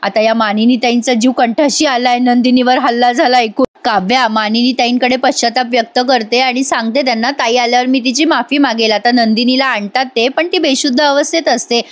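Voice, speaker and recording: Female recap vlogger with a high voice, dramatic storytelling that talks straight to the viewers. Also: fairly quick, few pauses. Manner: lively, dramatic, addresses viewers directly. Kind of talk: retelling a TV serial episode.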